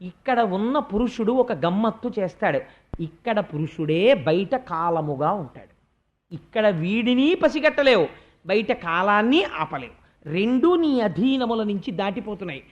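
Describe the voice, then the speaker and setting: A man's voice: sits high, sing-song, a little slow, dull audio. A man with a Telugu accent giving a devotional discourse, asking rhetorical questions and acting out everyday speech. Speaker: spiritual discourse speaker. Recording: archival discourse audio.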